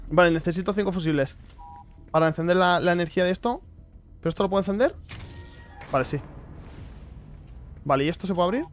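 A young gaming streamer with a high voice rattles through horror gameplay fast, pausing often, while faint music plays behind him. He chats nervously to his viewers and repeats himself when the scares hit.

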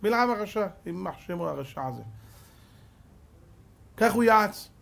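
High-voiced rabbi preaching with dramatic swings. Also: male voice, animated, vocal fry. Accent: Israeli Hebrew. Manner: dramatic swings from hushed to shouting; rhetorical questions to the audience. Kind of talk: sermon.

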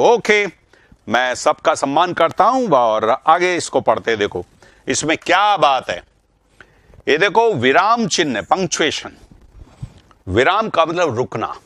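A man's voice: a little high, fairly bright tone, no echo, clean studio sound. A middle-aged man teaching Hindi grammar in a live online class, greeting students by name and explaining through repeated examples.

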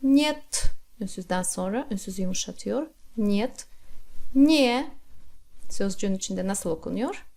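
A woman teaching a pronunciation lesson, saying each word slowly and repeating it for the learner. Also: mid-range voice, expressive, creaky, dark tone, breathy edge. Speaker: Russian language teacher.

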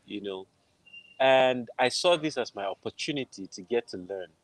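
This interview guest, a middle-aged film composer with a Nigerian accent, shares a personal story conversationally on a video call from indoors at home. His medium-pitched voice is animated, at a normal speed, and the recording is rough.

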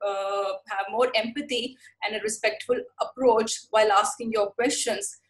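Fast-talking woman presenting a webinar. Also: fairly high pitch, low-quality recording. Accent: Indian English. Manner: fast-paced explanatory talk with many fillers. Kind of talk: online lecture. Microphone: video call.

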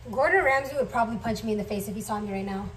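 Cooking in her home kitchen, a young vlogger from a Somali family rambles rapid-fire in a mid-range voice, full of fillers. The camera sits on the counter at a distance, so the audio is noisy.

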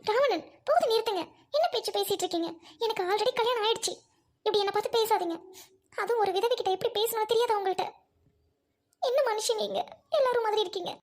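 Woman acting grieving young widow, tearful, pleading, sorrowful drama, very high-pitched. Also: fast, pauses often. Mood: indignant.

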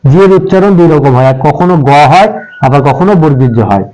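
A man with a slightly high voice walks children through letter sounds. He speaks patiently and spells out each example word letter by letter, then repeats it. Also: lively intonation, fast talker, warm tone, rough recording. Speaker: English pronunciation teacher. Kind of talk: step-by-step spoken lesson for children.

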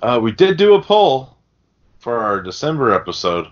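A podcast host with a mid-range voice and big pitch swings talks at normal speed to his guests and listeners in an informal, chummy way. The audio is muffled and lo-fi.

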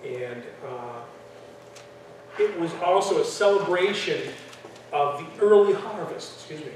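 A man's voice: a little high, expressive, unhurried, a little mellow. Guy lecturing a church class, chatty with lots of ums, mic far off, faint background hiss. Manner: conversational, frequent fillers and restarts. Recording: echoey room from far off, faint noise.

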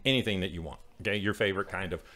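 Low-voiced guy on a podcast, rambly and jokey, keeps saying sorry. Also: rapid-fire, pushed and bright. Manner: rambling, joking, says sorry a lot. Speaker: podcast co-host. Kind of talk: casual chat and recipe talk.

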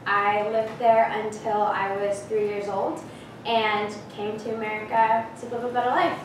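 Picked up by a distant camera in a classroom with a projector screen, a young Peruvian woman in her late teens presents to her class earnestly, often saying um and starting over. She speaks unhurriedly in a steady mid-range voice, very echoey, with background noise.

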